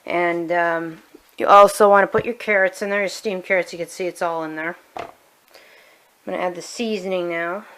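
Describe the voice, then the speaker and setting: A woman talks her way through a kitchen recipe in a relaxed, rambling manner, often restarting her sentences. Her voice sits a little low. Soft clicks and light kitchen noise can be heard behind her. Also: normal speed, rough recording. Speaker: home cook vlogger. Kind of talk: casual cooking demonstration. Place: home kitchen.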